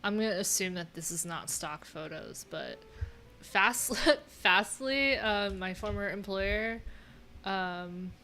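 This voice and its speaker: A middle-aged web developer hosts a casual live coding stream from a small room at home, speaking at a slow pace in a medium-pitched voice that's pushed and bright. She thinks aloud and reads off her screen, dropping wry, offhand asides.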